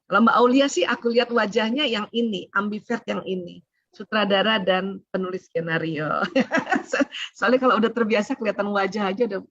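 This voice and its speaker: A middle-aged woman giving a parenting seminar, chatty and animated, laughing often. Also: mid-range voice, moderate pace, no echo. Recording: dull lo-fi sound.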